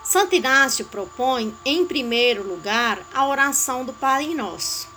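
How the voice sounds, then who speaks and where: A woman giving a calm, measured devotional teaching on a way of praying. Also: sits high, a little hiss or hum, poor audio. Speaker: spiritual guide.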